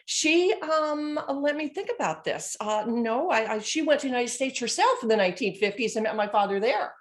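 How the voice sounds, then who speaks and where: A woman's voice: a little high, lively intonation, moderate pace. A woman in her sixties, originally from Scotland, chats as a guest on a video call and reminisces with fillers and restarts. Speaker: guest, former student now faculty. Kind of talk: casual interview over video call.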